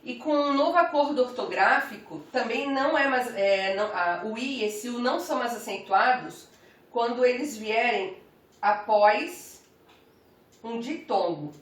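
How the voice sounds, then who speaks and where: Slow, careful woman teacher. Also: on the high side, animated. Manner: slow, careful, spells out each example word. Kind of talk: grammar lesson. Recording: roomy, from some distance off the mic.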